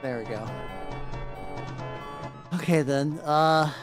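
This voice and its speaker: A woman giving excitable, sweary live commentary as she streams a game. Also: deep voice, slow, music in the background.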